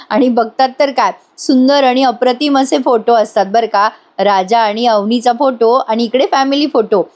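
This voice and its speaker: A woman's voice: fairly high pitch, darkish tone. Chatty woman recapping a serial. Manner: chatty storytelling with asides to listeners. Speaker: serial review narrator. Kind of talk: voice-over recap.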